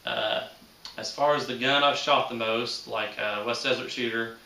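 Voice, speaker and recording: Hosting his shooting hobby channel, a man in his thirties speaks unscripted to viewers with folksy charm and rural, colloquial grammar. The medium-pitched voice is bright and forceful, fairly even in intonation at normal speed, with roomy echo from a distant microphone.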